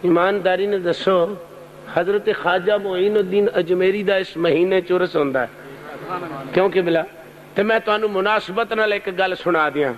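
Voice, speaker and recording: A middle-aged man preaching an emotional sermon, his delivery impassioned and swinging between rises and long, drawn-out cries. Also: high voice, fairly even intonation, dull audio. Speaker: religious preacher.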